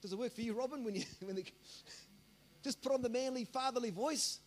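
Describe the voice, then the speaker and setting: A man's voice: very high-pitched, fairly quick. A man preaching a sermon as the pastor, repeating himself and calling out to the congregation for amens. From Australia. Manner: rambling, repeats words, asks the congregation for amens.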